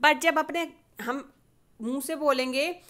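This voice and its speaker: A woman with an Indian accent teaching a casual video lesson, asking and answering her own questions in a lively way. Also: high voice, slow.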